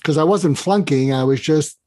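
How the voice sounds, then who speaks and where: A man's voice: on the high side, normal speed, warm tone, dry recording. A man speaking as a podcast guest, earnestly guiding the listener through an exercise and often repeating words as he restarts his phrases. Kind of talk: casual interview talk.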